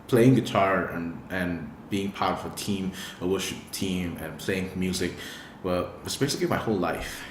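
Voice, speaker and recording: Deep-voiced man in an echoey room. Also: noisy background. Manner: earnest and encouraging, with frequent fillers. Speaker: worship guitarist and video host. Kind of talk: casual talk to camera. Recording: echoey room with faint ambience.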